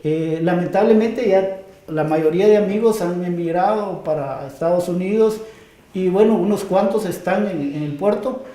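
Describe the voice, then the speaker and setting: A man with a Guatemalan accent, an author guest telling stories in a relaxed interview, easygoing and quick to laugh. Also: high-pitched, echoey room. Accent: Guatemalan Spanish. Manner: easygoing, laughs often, many fillers like "¿no?".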